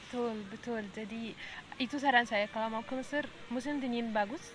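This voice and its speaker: A woman's voice: on the high side, fairly quick. An Egyptian-accented woman, a native Arabic speaker, hosting a casual podcast in Indonesian as a foreign speaker. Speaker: podcast host. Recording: noisy background.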